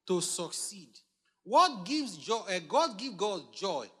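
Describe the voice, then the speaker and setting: A man's voice: high voice, big pitch swings, takes it slowly, a bit bright, husky. A man preaching a sermon, emphatic, repeating phrases and putting questions to the congregation. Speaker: pastor. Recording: long hall reverb.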